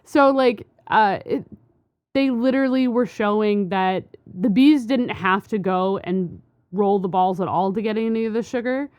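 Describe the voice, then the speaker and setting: A woman's voice: mid-range voice, unhurried, clean tone, no room sound, dull audio. A woman co-hosting a podcast, explaining a science study in a rambling, casual way with many fillers and restarts. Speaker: podcast co-host.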